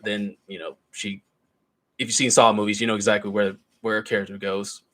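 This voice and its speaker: A man's voice: fairly low pitch, level tone, a little fast, sharp tone. Man rambling through a casual movie review. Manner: rambling, loose retelling with asides.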